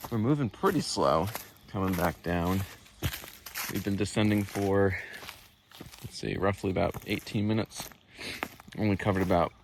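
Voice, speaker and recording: Talking into a handheld phone, a man films his walk up a wooded mountain trail and narrates casually, a little out of breath. His voice is deep with vocal fry, and he's chatty and unhurried, using fillers, with background noise behind him.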